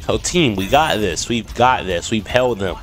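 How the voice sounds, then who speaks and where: A young gaming streamer, congested from a cold, chats with viewers and himself as he plays in a home room. He speaks at a measured pace with a fairly low pitch and lively intonation, recorded on a desk mic with a headset amid game music and sound effects.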